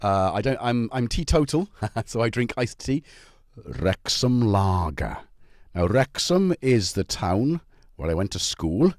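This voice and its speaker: A middle-aged man from North Wales, speaking with a North Welsh accent, hosts a livestream from home, chatting casually with viewers and joking as he greets them by name. His fairly low, slightly mellow voice is very animated though a little slow. The sound is clean studio quality with no echo.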